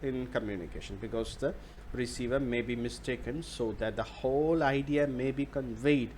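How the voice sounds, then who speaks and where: Male lecturer, very slow deliberate delivery, mid pitch, bilingual explanations. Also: a little mellow, slight background noise. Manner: slow, deliberate, switches between English and Malayalam; explains through repeated examples. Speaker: university lecturer.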